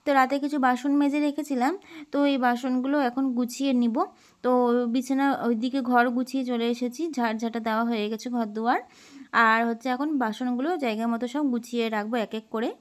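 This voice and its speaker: A woman, narrating her daily housework in a slow, gentle vlog voice-over with many pauses and fillers. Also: fairly high pitch, steady tone. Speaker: homemaker vlogger.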